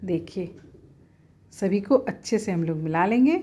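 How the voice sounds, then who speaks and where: A woman's voice: lowish voice, lively intonation, unhurried, mellow, husky. A woman at home, talking viewers through a cooking recipe step by step in a plain, homely, instructive way. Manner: homely, instructive, often says "dekhiye".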